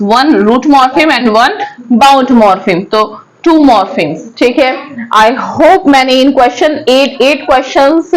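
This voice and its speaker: A woman's voice: on the high side, poor audio. A woman with a Hindi accent teaching an English grammar class, asking questions and answering them herself. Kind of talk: online class lesson.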